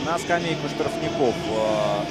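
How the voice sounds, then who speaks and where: A man's voice: medium pitch, expressive, a little slow, loud music behind the voice. A man working as a hockey commentator in live sports commentary.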